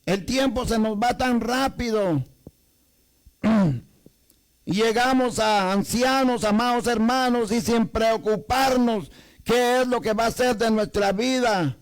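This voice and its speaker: The audio is poor as a very high-voiced man preaches slowly to his congregation with a Salvadoran Spanish accent. Again and again he says "amados hermanos," and he leans heavily on rhetorical questions.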